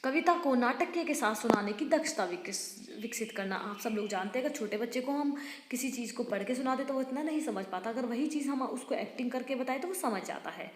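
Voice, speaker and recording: Reading through exam material like a tutor, a fairly high-pitched, expressive woman voices her teaching notes, occasionally tripping and starting over and tossing casual asides to students. The space rings with long reverb, and there's a little hiss or hum.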